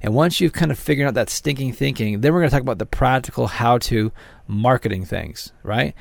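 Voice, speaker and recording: A man's voice: mid-range voice, brisk, creaky, dry recording. A man hosting a promotional teleseminar, speaking straight to his listeners in a motivational sales patter. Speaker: seminar host and promoter.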